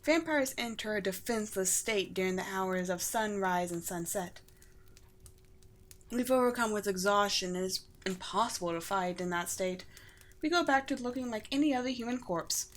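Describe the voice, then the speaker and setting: A woman plays a tender, regal undead vampire queen for a scripted ASMR roleplay, using formal, poetic language touched with light amusement. Her mid-range voice moves at normal speed, lightly acted, sounding amused and reassuring.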